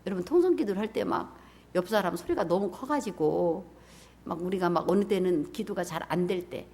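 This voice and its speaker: A woman pastor preaching a sermon, swinging from loud cries to hushed whispers and acting out the voices in the scripture scene. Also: on the low side, lively intonation, a little fast. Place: church sanctuary.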